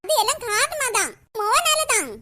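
Shrill sky-high cartoon mother-in-law, older village woman, Kanyakumari Tamil accent, scolding, woman acting it out, noisy recording. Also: sing-song, moderate pace, exaggerated voice. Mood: confiding. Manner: scolding, loud and blunt.

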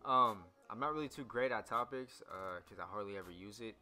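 A man's voice: fairly low pitch, brisk, sharp tone, soft background music. A young man, a barber, talking loosely through a haircut tutorial with lots of ums and restarts. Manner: loose, rambling, many fillers. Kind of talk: casual voice-over tutorial.

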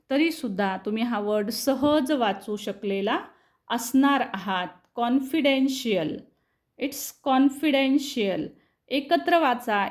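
A woman teaching English reading to students, spelling words out letter by letter and then explaining in quick bursts, checking often that they follow. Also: a little high, a little mellow. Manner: addresses students directly, checking understanding.

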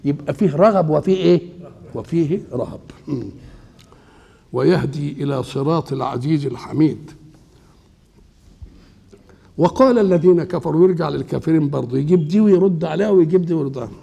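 Gravelly older Egyptian man teaching. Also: a little high, a little fast, long pauses. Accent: Egyptian Arabic. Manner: asks questions and answers them himself, colloquial and lively. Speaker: Islamic scholar. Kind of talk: Quran exegesis lesson. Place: seated indoors.

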